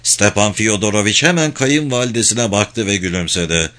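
A man narrating a novel as an audiobook, in a measured, steady reading voice. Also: fairly low pitch.

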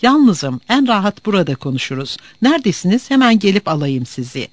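A man's voice: high voice, big pitch swings, fairly quick, dry recording, pitched above the performer's own voice. A man playing an eager, insistent caller. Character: eager smooth-talking man on the phone.

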